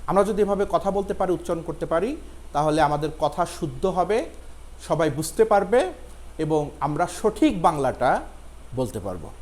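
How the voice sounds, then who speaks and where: A man, giving a pronunciation lesson and slowly spelling out each word with emphasis. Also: a little high, animated, a little mellow. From Bangladesh. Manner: slow, emphatic spelling-out of words. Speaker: teacher.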